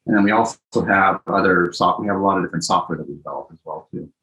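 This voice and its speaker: A man with a very deep voice talks as a guest on a podcast interview. He answers in a reflective, relaxed manner and often pauses on an um. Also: rough recording. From born in Greece, raised in Japan and Italy. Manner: thoughtful, unhurried, with frequent ums. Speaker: architect and company founder, guest. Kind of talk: casual interview.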